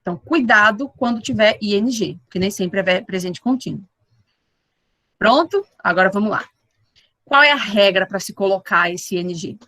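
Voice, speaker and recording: A woman teaching an English class online, with slow explanations, repeated model words and frequent checks with her students. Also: medium pitch, fairly bright tone, no room sound, low-quality recording. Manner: checks in with the class often with tag questions.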